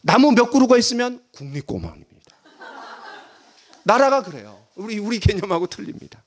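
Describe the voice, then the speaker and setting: A middle-aged male pastor preaching a sermon, dramatic, swinging between loud emphasis and hushed near-whispers and leading the congregation in reading aloud. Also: high-pitched, big pitch swings, moderate pace.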